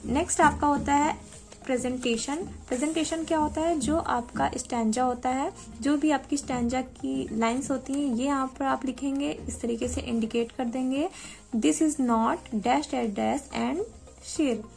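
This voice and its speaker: A young woman training to teach, walking viewers through a lesson plan in an explanatory tutorial style and reading quoted English lines slowly and deliberately. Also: sits high, fairly even intonation, gravelly, darkish tone. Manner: explanatory, addresses viewers directly. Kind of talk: spoken tutorial walkthrough.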